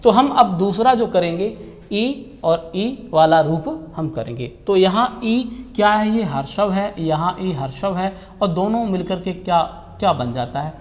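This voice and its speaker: A man's voice: sits high, animated, a little slow, long reverb tail. A man teaching Hindi grammar in an online exam-prep class, asking questions and answering them himself, with "ठीक है" after almost every point.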